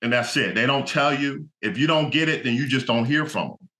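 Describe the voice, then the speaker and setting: Bright-voiced man musing with many fillers. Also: mid-range voice, fairly quick. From New Jersey. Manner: reflective, many "you know" fillers. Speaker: guest, actor and motivational speaker. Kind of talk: casual interview conversation.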